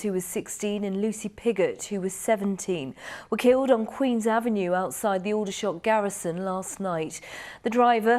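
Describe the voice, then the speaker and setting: A woman presenting the evening news in a measured, formal way. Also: medium pitch, a little mellow. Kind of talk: scripted news reading.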